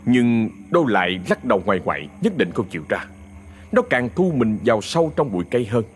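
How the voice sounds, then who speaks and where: Expressive male ghost story narrator. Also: medium pitch, a little fast, faint music behind.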